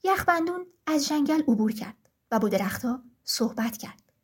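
A woman narrating a children's story in a gentle, even storytelling way. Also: sits high.

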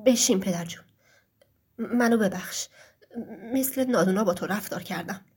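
A woman voicing a harsh, grumbling young farmer son in a storybook tale, speaking curtly with a breathy voice. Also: medium pitch, a little mellow, pitched below the performer's own voice. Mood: remorseful. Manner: scolding, curt.

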